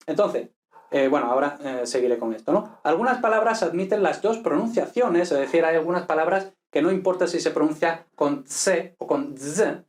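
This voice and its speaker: A man's voice: on the high side, darkish tone. A man leads a video lesson on pronunciation. He explains step by step and repeats each example word several times. He keeps checking in with the listener as he goes. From Spain. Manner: explanatory, frequent "¿vale?" check-ins and repeated model words. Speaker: language teacher.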